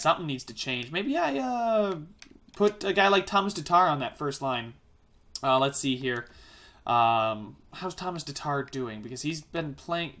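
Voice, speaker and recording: A man giving casual let's-play commentary, rambling and exasperated, often correcting himself as he talks fast. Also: fairly high pitch, fairly bright tone. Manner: fast-talking. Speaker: gaming YouTuber.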